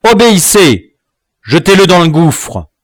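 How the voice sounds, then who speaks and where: A man reading an audiobook, voicing a vengeful dwarf villain who mixes Spanish words into his shrill cursing threats. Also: big pitch swings, takes it slowly, no room sound, clean studio sound. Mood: furious. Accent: Spanish words mixed in. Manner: shrill, spitting curses and threats.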